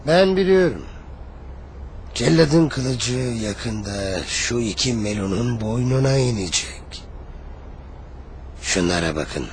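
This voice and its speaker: An actor playing a scheming conspirator in a historical drama, speaking in a measured, ominous manner. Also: male voice, medium pitch, animated, a little hiss or hum. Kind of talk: dubbed historical drama acting.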